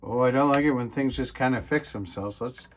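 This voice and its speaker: A man talking casually to camera while testing and repairing old computers, thinking aloud with lots of fillers and getting excited when things work. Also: medium pitch, a little fast, a little hiss or hum. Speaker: retro computer repair vlogger. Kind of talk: casual hands-on repair commentary.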